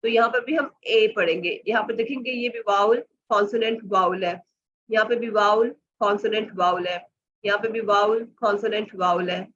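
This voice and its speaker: A woman teacher trainer running an online lesson, slowly sounding out letters and blends and switching between Hindi and English phrases. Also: medium pitch, a bit bright, far from the mic, highs cut off. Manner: slow, drawn-out sounding out of phonics sounds. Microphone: computer or phone mic on a video call.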